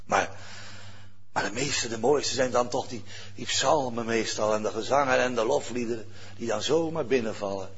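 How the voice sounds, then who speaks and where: A pastor preaching a sermon in a lively, conversational way, rising sharply and dropping to near-whispers. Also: male voice, medium pitch, normal speed, breathy edge, dull audio. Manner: lively, conversational preaching with sudden loud rises and soft drops.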